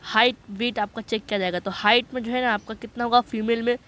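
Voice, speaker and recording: A man walking viewers through a job notice in a voice-over on a screen recording. He talks in a chatty way, keeps checking that listeners follow, and reads English passages slowly. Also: extremely high pitch, fairly even intonation, pushed and bright. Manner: chatty, repeats "okay" to check understanding. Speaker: online job-notice explainer.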